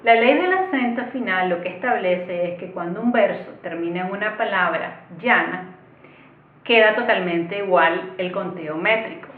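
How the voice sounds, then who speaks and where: A woman teaches an online lesson in a patient, explanatory way and speaks directly to her viewers. Her voice comes through thin and tinny, like over a phone line. Behind it is the echo of a bare room. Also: mid-range voice.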